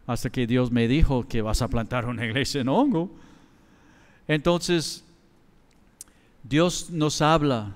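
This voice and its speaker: Slow-preaching Mexican pastor in a reverberant hall. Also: male voice, medium pitch, clean tone. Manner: slow, conversational preaching with laughs and quoted dialogue. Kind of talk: sermon. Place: large church hall. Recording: church hall with long reverb.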